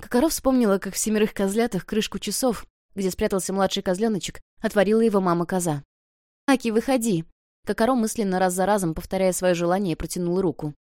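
A woman narrating an audiobook in an expressive, emotional reading. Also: mid-range voice, fast, few pauses, dry recording, studio quality. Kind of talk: scripted narration.

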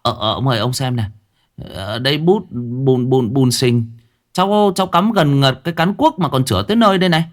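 A man voicing a frightened young village lad who stammers and shouts in alarm. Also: medium pitch, brisk, pitched above the performer's own voice, natural voice. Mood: stammering.

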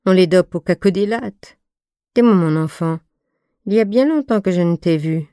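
A woman reading the part of a stern but motherly fifty-two-year-old friend, speaking in an even, soft, deep voice. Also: normal speed, smooth, dry recording, studio quality, natural voice. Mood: tendre. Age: 50s. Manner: voix égale et douce; ton de voix profond. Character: femme de cinquante-deux ans, amie sévère et maternelle. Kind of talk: scripted audiobook reading.

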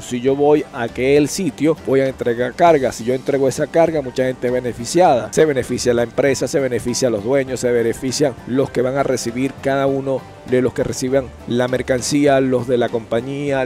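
A man's voice: mid-range voice, mellow. A man who hosts a trucker channel, speaking outdoors and preaching to his viewers with earnest, repetitive urging. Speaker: trucker vlogger and host.

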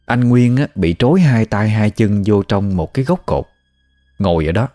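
A man's voice: fairly low pitch, moderate pace, warm tone. A man with a Southern Vietnamese accent narrating a ghost story in a conversational, folksy way. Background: faint music.

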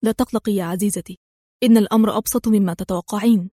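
A woman reading the lines of a bold, joking male secret agent, calm and confident in a dry, close recording. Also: mid-range voice, quick pace, husky, no room sound, lightly acted. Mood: calm teasing.

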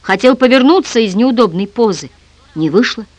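An audiobook reader giving a dramatic, expressive narration. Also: mid-range voice, moderate pace, no echo. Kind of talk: scripted narration.

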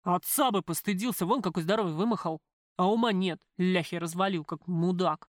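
A domineering middle-aged father barks orders and scolds his grown son, as a woman narrator reads him out. The delivery is gruff and commanding, close and dry with no room sound. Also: fairly low pitch, brisk, no room sound, natural voice. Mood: scolding.

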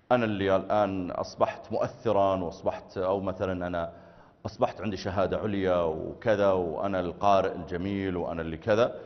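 A man giving a sermon lecture, telling anecdotes and swinging between loud and soft delivery. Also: fairly low pitch. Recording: echoey hall, dull lo-fi sound.

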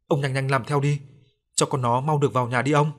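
A man's voice: medium pitch, steady tone, quick pace, close to an everyday voice. A man voicing a grieving middle-aged mother who pleads through tears. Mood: grief-stricken. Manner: tearful, pleading.

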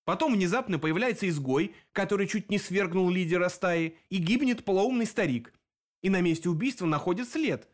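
A man's voice: high voice, expressive, normal speed, pitched above the performer's own voice. A man voicing a sly, grinning male demon detective in an audiobook, mocking and theatrical.

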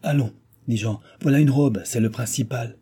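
Blustering nobleman, emphatic and loud, dark tone, read by a man. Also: mid-range voice, normal speed, husky. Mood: hearty. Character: blustering middle-aged nobleman, a vicomte.

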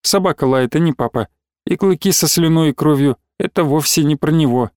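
Guy narrating an audiobook, kinda high voice, dry close mic, steady pace. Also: a little fast, no echo. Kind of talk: scripted narration.

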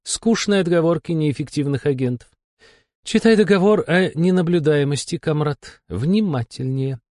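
Guy doing a husky grumpy lady demon boss, way higher than his normal voice, sarcastic drawl, audiobook. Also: expressive, normal speed, a little mellow, no echo, clean studio sound, lightly acted. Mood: irritated mocking. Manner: irritated, mocking, drawling. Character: weary sarcastic female demon supervisor, bossy. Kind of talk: audiobook character voice.

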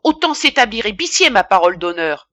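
Audiobook figure: woman reader doing an irascible, self-important male pharmacist, loud indignant tirades, bright tone. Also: mid-range voice, expressive, measured pace, no echo, studio quality. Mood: furious. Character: pompous middle-aged male apothecary, irascible.

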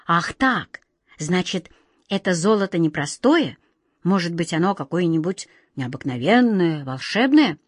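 A woman voicing a gentle, courteous male wizard who questions things with wonder. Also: lowish voice, lively intonation, unhurried, dry recording, clean studio sound, pitched below the performer's own voice. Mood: puzzled.

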